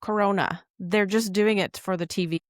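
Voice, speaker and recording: A woman's voice: medium pitch, steady tone, moderate pace, no echo, studio quality. A woman co-hosting a podcast, chatting casually and explaining what she looked up in detail. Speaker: podcast co-host. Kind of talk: casual recap chat.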